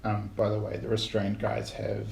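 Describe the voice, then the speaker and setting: A man playing in a tabletop game, chipping in quick, helpful reminders. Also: lowish voice, completely flat delivery, gravelly, a little mellow, slight background noise. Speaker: player. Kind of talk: casual tabletop game chat. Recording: echoey room.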